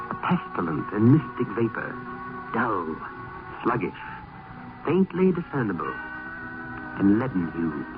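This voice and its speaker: A man playing a weary, foreboding gentleman poet in a gothic radio drama, with formal, literary speech. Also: on the low side. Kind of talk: old-time gothic radio drama acting. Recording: muffled vintage radio recording, loud music.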